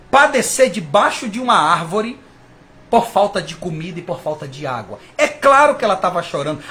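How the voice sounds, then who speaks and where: A man's voice: high-pitched, a bit bright. A man preaching a sermon with fervor, speaking to his listeners as brothers. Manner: fervent, rising and falling, addresses listeners as brothers.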